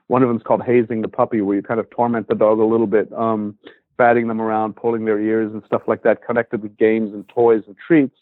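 A man's voice: lowish voice, flat delivery, a little fast, no echo. Guy rambling about puppies, lots of you knows, tinny phone line. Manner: rambling, many fillers. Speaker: dog trainer and podcast host. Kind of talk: casual podcast chat.

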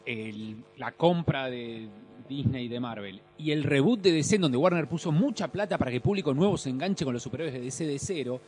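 Fast-talking Argentine man. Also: mid-range voice, darkish tone, soft background music. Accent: Argentine Rioplatense. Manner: rapid, rambling storytelling with restarts. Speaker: guest. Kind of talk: casual podcast chat.

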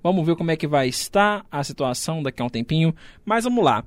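High-voiced Brazilian man co-commentating football. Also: lively intonation, quick pace, dry recording. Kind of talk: live football match analysis.

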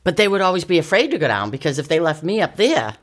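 A middle-aged woman telling her story in casual chat, candid, with quick asides and frequent laughter. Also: lowish voice, very animated. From Italian-American family, northeastern US. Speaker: podcast guest.

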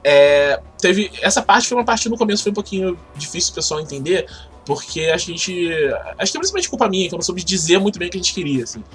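A man with a Brazilian Portuguese accent talks casually as an interview guest, explaining things in a halting, informal way. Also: high voice, very animated, soft background music. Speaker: podcast guest, game project organizer.

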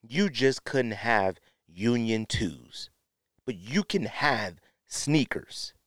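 Here a man hosts a podcast, his medium-pitched voice animated and a bit bright as he draws out his words. Sniffling from a runny nose, he offers opinionated takes and repeats phrases for emphasis, captured close on a podcast mic in clean studio sound without echo.

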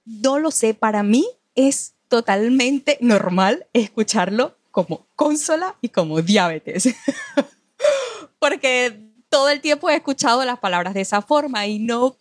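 A woman's voice: on the high side, animated, slow pace, dry recording, clean studio sound. A Venezuelan woman from Maracaibo, a copywriter, chatting over a call, thinking aloud with restarts and little laughs. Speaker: guest copywriter. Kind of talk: casual conversation over a call. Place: at home in Spain. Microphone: video call.

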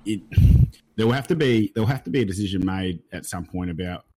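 An Australian man chatting casually on a panel in a blokey, rough-and-ready tradesman manner. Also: sits low, fast, darkish tone, poor audio. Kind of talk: casual chat.

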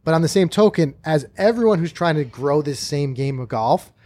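A man's voice: on the high side, animated, moderate pace, mellow, dry recording. A man hosting a golf podcast, reading sponsor spots and chatting with enthusiasm. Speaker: podcast host. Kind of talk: casual podcast talk and ad reads.

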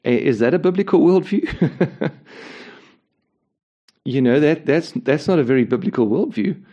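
A man's voice: a little high, expressive, a little slow, dark tone, muffled recording. A man, a ministry leader, answering an interview question by telling a story earnestly, often repeating words as he starts a phrase.

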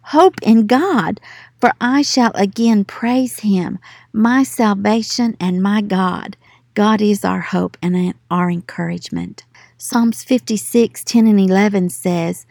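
Mellow-voiced woman giving devotional teaching. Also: medium pitch, gravelly, no room sound, studio quality. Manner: earnest, encouraging, slows for emphasis on verses. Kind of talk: devotional Bible teaching with scripture reading.

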